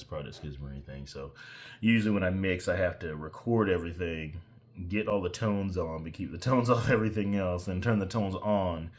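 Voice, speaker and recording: A man with a very deep voice casually walks through his own mixing session in a screen-share tutorial. He rambles, wanders off topic at times, and pokes fun at his own abilities.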